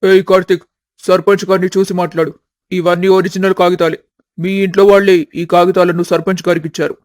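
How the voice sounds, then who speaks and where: A man's voice: sits high, little pitch movement, brisk, no echo, studio quality, close to an everyday voice. A man voicing a gloating village headman. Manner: mocking, boastful. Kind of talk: animated storybook dub.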